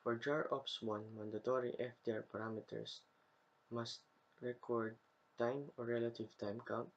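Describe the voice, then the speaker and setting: Here the same young man narrates his scripted slides phrase by phrase with a student presenter's care. The delivery is flat and normal in speed, his mid-range voice gravelly, and the recording's highs are cut off.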